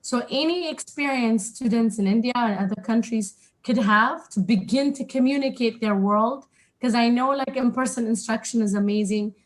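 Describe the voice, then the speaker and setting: A woman from Ethiopia speaking as a webinar panelist, earnest and reflective, a little halting. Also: fairly high pitch, poor audio. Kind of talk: spoken remarks on a webinar. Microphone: video call.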